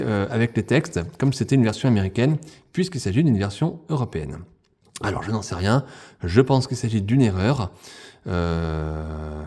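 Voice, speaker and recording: A man's voice: lowish voice, dark tone. A man casually unboxing and reviewing a toy figure, talking to his viewers with frequent hesitations and fillers. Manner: hesitant, many fillers, addresses viewers as friends.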